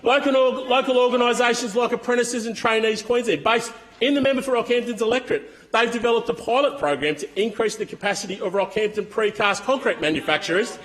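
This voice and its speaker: A man's voice: very high-pitched, quick pace, hardly any pauses, a bit bright, poor audio. A man with an Australian accent delivering a combative, emphatic speech in parliament, leaning on repetition for force. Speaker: opposition member of parliament. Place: parliament chamber.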